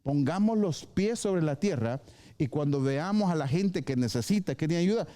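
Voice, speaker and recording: Soft and mellow despite being high for a man, this pastor's voice carries a live sermon to his congregation. He preaches with energy, playing out short dialogues and dropping in English phrases.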